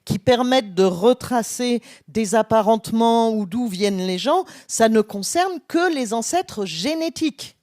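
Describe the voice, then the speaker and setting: A woman's voice: on the high side, lively intonation, a little slow, few pauses, a little mellow, no room sound, studio quality. A woman from France, a genetics professor, explaining with enthusiasm and many fillers and restarts. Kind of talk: explanatory conference conversation. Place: conference stage.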